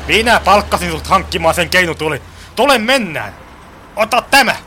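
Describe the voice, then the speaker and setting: A man's voice: high voice, lively intonation, sharp tone, a little hiss or hum. A man doing a smug, scheming gang boss. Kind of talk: amateur comic radio play acting.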